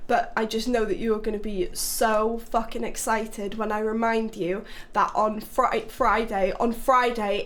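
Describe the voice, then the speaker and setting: A young English woman hosting a live stream, chatting casually with her chat, swearing freely and teasing people in a playful way. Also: on the high side. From England. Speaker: livestream host.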